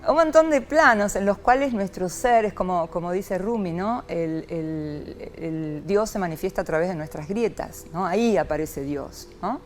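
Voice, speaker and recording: Woman guest, psychologist, lowish voice, expressive and reflective, faint music behind. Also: moderate pace, few pauses. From Argentina. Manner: expressive, lively, frequent rhetorical "¿no?". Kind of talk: reflective interview talk.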